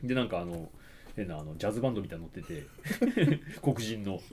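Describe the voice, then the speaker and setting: Fast animated man retelling a movie. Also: fairly low pitch. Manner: animated retelling, acts out lines with voices. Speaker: podcast co-host. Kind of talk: casual movie chat.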